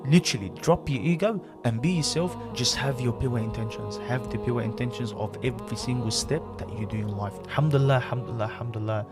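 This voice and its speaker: A man's voice: mid-range voice, quick pace, few pauses, over music. A man around thirty, from Lebanon, talking candidly and reflectively as a podcast guest, often saying "you know". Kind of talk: candid interview talk.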